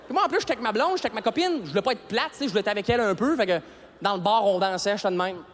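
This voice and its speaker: High-voiced Québécois comedian, animated. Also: male voice, very fast. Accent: Québécois French. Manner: animated, shifts into shouted high-pitched bursts. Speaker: stand-up comedian. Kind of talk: stand-up comedy routine. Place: large arena stage with audience. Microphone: stage microphone. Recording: live arena recording with crowd laughter and faint noise.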